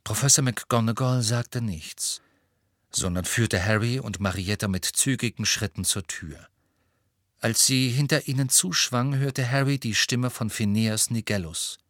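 A man narrating an audiobook with steady, expressive storytelling. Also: medium pitch, measured pace, no room sound, clean studio sound. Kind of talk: audiobook reading.

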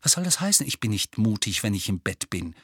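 A man's voice: on the low side, sing-song, brisk, husky, no room sound, exaggerated voice. A man voicing a cool, sarcastic teenage boy who mocks his cousin. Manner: dry mocking sarcasm.

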